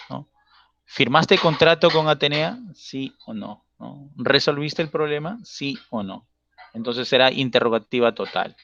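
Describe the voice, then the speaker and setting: Bright-voiced male teacher. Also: medium pitch, no echo, lo-fi sound. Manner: explains patiently, checks often with tag questions. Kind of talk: online grammar class.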